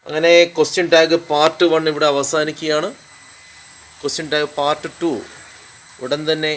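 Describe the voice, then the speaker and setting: A man with a Malayali accent teaching English grammar, drilling examples slowly and asking the class questions. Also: fairly high pitch, a bit bright, a little hiss or hum. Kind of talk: classroom-style grammar lesson. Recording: echoey room, a bit far from the mic.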